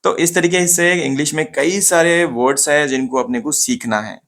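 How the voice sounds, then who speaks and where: Man drilling pronunciation, slow and repetitive. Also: fairly high pitch, fairly even intonation, fairly bright tone. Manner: repeats words slowly to model pronunciation, asks and answers himself. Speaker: English pronunciation teacher. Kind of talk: casual spoken lesson to camera.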